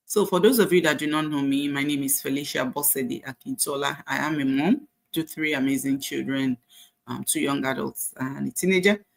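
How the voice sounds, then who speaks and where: This Nigerian woman, a nurse in her forties, speaks with a rumbling, gravelly low voice at a slightly quick pace. She recounts her life journey informally, sounding faithful and uplifting, with plenty of fillers.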